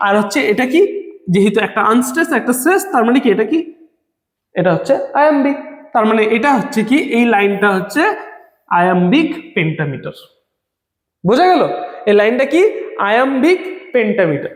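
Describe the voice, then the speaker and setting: A woman's voice: fairly high pitch, animated, fairly quick, long pauses. A woman teaching an online lecture, repeating points and checking often that her students follow. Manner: repetitive, checks understanding often. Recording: echoey room, long reverb.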